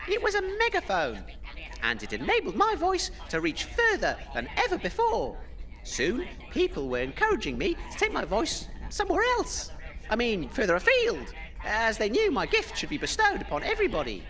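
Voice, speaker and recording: Very high-pitched and gravelly, with wildly swooping pitch and a fairly bright tone, this exaggerated voice moves at a moderate pace. A man plays a self-important British radio DJ of the wasteland in a comedy audio drama, boastfully telling anecdotes and faltering when challenged.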